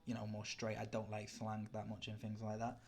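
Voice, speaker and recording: A man's voice: on the low side, completely flat delivery, brisk, creaky, darkish tone. A young British man chatting casually while gaming live, rambling and answering viewer chat. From Britain. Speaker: livestreamer.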